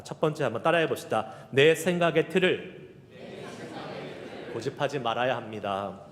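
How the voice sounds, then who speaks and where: A man preaching a Sunday sermon as a pastor, lively and joking with the congregation, reciting scripture slowly. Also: fairly high pitch. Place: church sanctuary. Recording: reverberant church hall.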